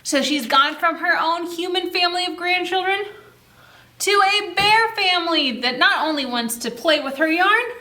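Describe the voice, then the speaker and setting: Her very high voice rings through an echoey room as she reads a picture book at a children's story time. She speaks expressively and with exaggerated slowness, stopping to question the young listeners.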